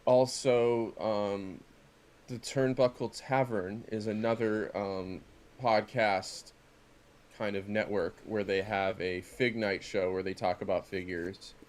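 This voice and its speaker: Slow-paced and lowish, with fairly even intonation, this middle-aged man jokes around and rambles in a casual unboxing video. He co-hosts a podcast and collects wrestling figures.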